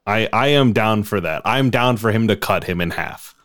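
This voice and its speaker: A laid-back young man pitching ideas on a podcast, relaxed and enthusiastic, swearing casually. His voice is lowish and smooth. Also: moderate pace. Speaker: podcast co-host. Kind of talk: casual story brainstorming.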